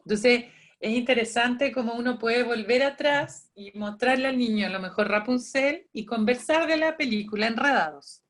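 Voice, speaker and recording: A fairly high-voiced woman leads a training session for volunteer storytellers. She explains in a loose, chatty way, trailing off, restarting her sentences and acting out bits of dialogue. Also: normal speed, fairly bright tone. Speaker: librarian and trainer.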